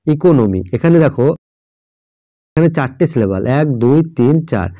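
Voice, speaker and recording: A man's voice: mid-range voice, animated, normal speed, no echo. A man explains English grammar to students at a patient pace. He spells words out letter by letter and keeps checking whether they follow. The recording sounds dull and lo-fi, with a dry, close sound. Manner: checks in often with "all right?".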